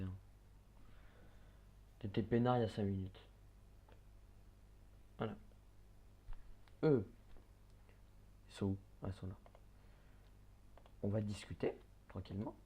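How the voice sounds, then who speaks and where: A man giving casual gameplay commentary, chatting, swearing and muttering quick orders at the characters on screen. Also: fairly low pitch, warm tone, slightly rough. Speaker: let's play gamer.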